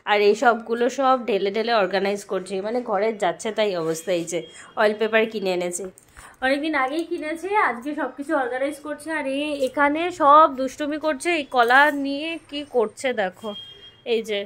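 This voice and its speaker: A woman vlogger narrates casually as she organizes and cooks in her home kitchen, her voice a little fast, on the high side, and fairly bright. She chats with viewers while doing chores and slips into coaxing baby talk with a child.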